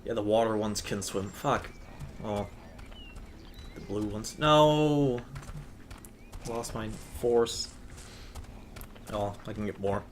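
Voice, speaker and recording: A man's voice: lowish voice, flat delivery, measured pace. A young man with a sore, scratchy throat, rambling and swearing casually as a host while he plays a game. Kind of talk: casual chat while gaming.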